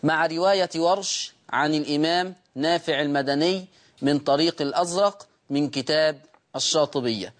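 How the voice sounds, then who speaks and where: A man's voice: on the high side, normal speed. A man with an Egyptian accent hosting a Quran recitation lesson, patiently explaining rules and repeating each point twice. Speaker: Quran recitation teacher and host.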